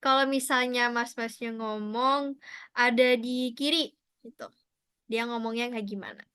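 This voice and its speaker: Brief: woman teacher, high and bright, crisp clean tone, chatty and encouraging. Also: fairly even intonation, measured pace, dry recording, clean studio sound. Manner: chatty, encouraging, mixes in English and Japanese praise. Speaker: Japanese language teacher. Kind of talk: online class instruction.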